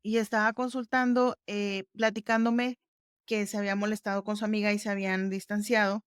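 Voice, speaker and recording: Smooth-voiced woman explaining step by step. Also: medium pitch, flat delivery, fairly quick, no echo, studio quality. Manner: explains step by step, conversational, warm fillers like "ujú". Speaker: podcast host. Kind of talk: casual podcast chat.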